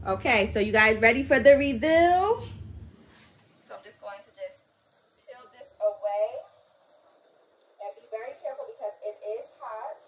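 Higher-pitched woman giving a casual craft tutorial. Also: expressive, moderate pace, pauses often. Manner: folksy, addresses viewers as y'all; talks while working with hands. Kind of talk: casual hands-on tutorial narration. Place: small indoor craft workroom. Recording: noisy room, uneven camera-mic sound.

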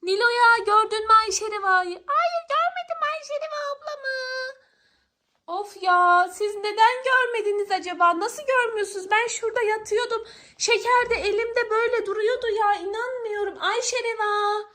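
A woman's voice: very high-pitched, steady tone, normal speed, bright, forceful tone. A woman acting in a scripted family skit, pleading and scolding in a whiny tone.

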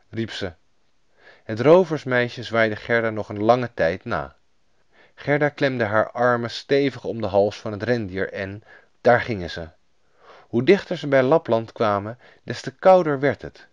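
A man reads a fairy tale aloud with a bouncy, animated voice. The recording is dry and a little dull, like an older lo-fi track. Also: mid-range voice, measured pace, dry recording. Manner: lively storybook reading, voicing each character. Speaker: storyteller. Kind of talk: scripted fairy-tale narration.

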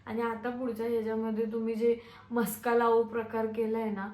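A hoarse woman firing back defiantly and with scorn in a heated family-feud video. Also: fairly high pitch, level tone, a little fast, a little mellow. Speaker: vlogger. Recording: echoey room with faint noise.

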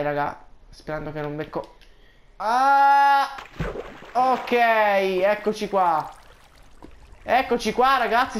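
Excitable man narrating his gameplay. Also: a little high, slight background noise. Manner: excitable, yelps and cries out when startled; keeps addressing viewers as guys. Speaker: gaming channel host. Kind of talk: casual Minecraft let's play commentary.

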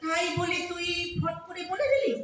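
A woman's voice: very high voice, expressive, moderate pace, fairly bright tone. A woman playing a dramatic middle-aged mother in an audio drama, fussing and wailing. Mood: fussy. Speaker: radio drama actor. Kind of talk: Bengali audio drama acting. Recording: distant echoey room with faint hiss.

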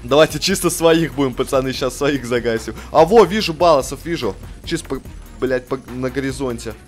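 A young man giving rowdy, profane gameplay commentary as a video host, swinging between loud yelling, laughing outbursts and calmer chat. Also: medium pitch, brisk, soft background music. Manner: rowdy, swearing, bursts of shouting and laughter.

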